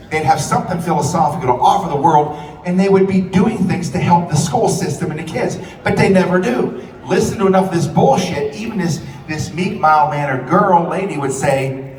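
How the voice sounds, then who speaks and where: A man's voice: a little high, fairly quick, darkish tone, a little hiss or hum. A man giving a fiery live speech, blunt and profane, telling heated stories. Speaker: rally speaker. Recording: echoey hall, distant mic.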